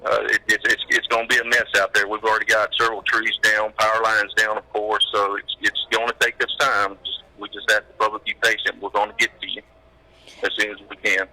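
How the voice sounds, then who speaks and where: A man speaks over a phone line into a live news broadcast. His voice is low-pitched with a very bright, sharp edge. He gives a plain, halting official update, stopping often to find his words. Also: flat delivery. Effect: heard over a phone line. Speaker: emergency management director.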